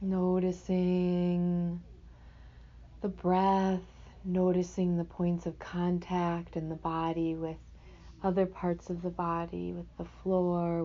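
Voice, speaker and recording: Speaking in a flat, fairly low voice, a woman guides a meditation without a script. She goes slowly and softly, reflective, with pauses between phrases, and the audio sounds dull.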